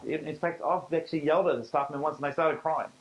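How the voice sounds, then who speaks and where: A man's voice: on the high side, steady tone, quick pace, highs cut off. A middle-aged Australian man presents a business seminar to a live audience. He talks in an easy, conversational way and leans hard on key points. He often acts out little bits of dialogue in the same voice.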